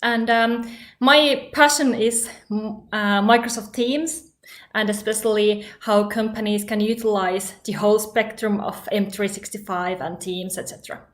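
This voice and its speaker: A woman's voice: medium pitch, fairly even intonation, unhurried. A woman from Finland hosting a live online panel, upbeat and a little giggly, with some hesitation. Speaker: host.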